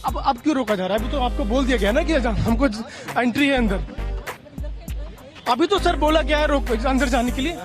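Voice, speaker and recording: A man's voice: extremely high pitch, fairly quick, music in the background. A man reporting from the field, arguing with officials about being stopped from entering. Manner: arguing, protesting. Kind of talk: on-the-spot news reporting.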